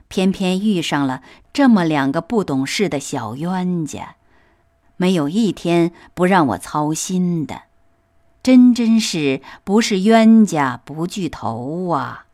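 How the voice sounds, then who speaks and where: A woman's voice: on the low side, a little mellow, no room sound, clean studio sound, exaggerated voice. A woman reading as a fretting old grandmother. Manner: complaining, exasperated.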